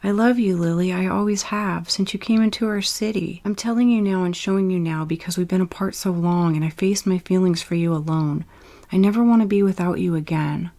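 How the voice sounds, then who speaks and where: A woman's voice: on the low side, brisk, mellow, lightly acted. A woman voicing an emotional young man in love, who talks in an earnest, pleading way. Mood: tender.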